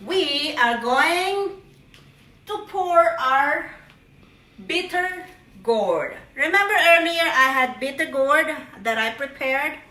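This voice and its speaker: Her voice sits high, bright and forceful, with lively intonation, and she takes things slowly. The speaker is a middle-aged woman playfully chatting through every step of her home cooking vlog with cheery exclamations. The recording comes from a distance in an echoey kitchen.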